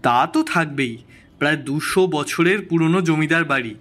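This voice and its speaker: A man playing a bright, jokey young friend. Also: a little high, normal speed, lightly acted. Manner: jokey, eager. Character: jovial young man teasing his friend.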